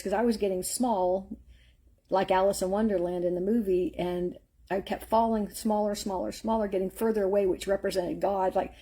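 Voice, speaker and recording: Husky, mellow-voiced woman giving faith encouragement. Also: on the low side. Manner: earnest, rambling, storytelling with filler words. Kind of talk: live-streamed faith encouragement talk.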